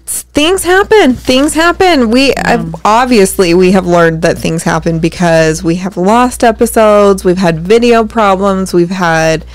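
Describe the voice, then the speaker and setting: A woman's voice: fairly low pitch, measured pace, few pauses, dry recording. A woman co-hosting a podcast, chatting candidly, laughing often and swearing freely. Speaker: podcast co-host. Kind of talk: casual chat.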